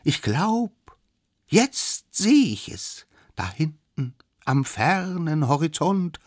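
A man voicing the smallest of a band of little cavemen, a boastful know-it-all child with a squeaky, drawn-out high voice. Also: very animated, no echo, studio quality, heavily acted. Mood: cocky. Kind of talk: storybook read-aloud.

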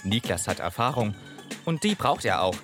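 A man narrating a TV report in scripted narration, with a measured reporter's delivery. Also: lowish voice, very animated. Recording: narration over loud music. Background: music.

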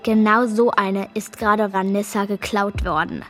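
A woman playing an excitable, earnest young girl with a know-it-all streak in a children's radio play. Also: mid-range voice, normal speed, soft background music, close to an everyday voice. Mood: excited, insistent.

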